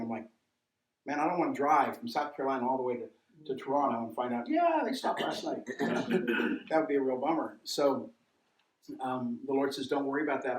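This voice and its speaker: A pastor telling a rambling personal testimony in a sermon, acting out the voices he quotes. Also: mid-range voice. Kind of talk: testimony sermon at a mission training. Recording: roomy sound, mic far off, faint ambience.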